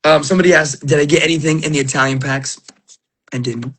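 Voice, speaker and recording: A middle-aged man chats with his viewers in a loose, rambling way, stopping and restarting as he tells emotional stories. His voice sits a little high for a man, and he is still recovering from an illness. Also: fairly even intonation, fast, fairly bright tone, breathy edge. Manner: rambling, emotional storytelling with many fillers and restarts. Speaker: livestream host opening trading cards. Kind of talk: casual chat to viewers.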